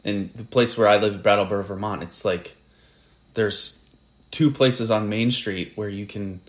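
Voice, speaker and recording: Man, General American accent, low pitch, reflective, halting podcast talk. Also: fairly even intonation. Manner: reflective, halting, many restarts. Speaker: podcast co-host. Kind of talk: casual conversation.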